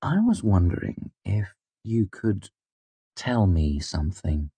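A man reading an audiobook, voicing a young man in the story who speaks in a hushed, conspiratorial tone. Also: medium pitch, big pitch swings, unhurried, slightly rough, dry recording, pitched above the performer's own voice. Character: young man, wary and scheming.

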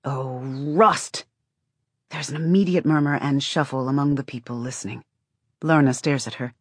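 A woman's voice: rumbling low, fairly quick, darkish tone, no room sound, studio quality. A woman reading scripted fiction as an audiobook narrator, with dramatic delivery.

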